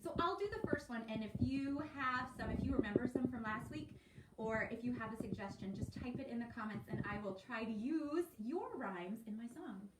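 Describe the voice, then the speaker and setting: High-voiced, encouraging music teacher woman. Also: lively intonation, fairly quick. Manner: encouraging, sing-song, talks straight to young children. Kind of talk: live-streamed children's music lesson. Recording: roomy, distant, faint background hiss.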